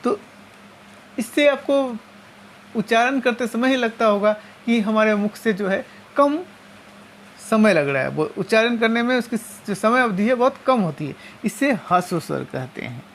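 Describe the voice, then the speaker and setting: A woman teaching a lesson, explaining step by step and slowly spelling out each sound. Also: on the high side, lively intonation, slight background noise. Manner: slow and methodical, repeating and spelling out sounds.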